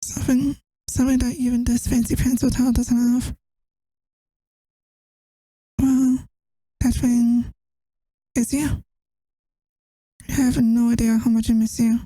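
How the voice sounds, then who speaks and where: In a tender, intimate ASMR role-play, a woman plays a tired, affectionate girlfriend who misses her partner, and the mood is soft and longing. Her fairly high voice stays level and soft-spoken at a measured pace with long pauses, and there is no room sound.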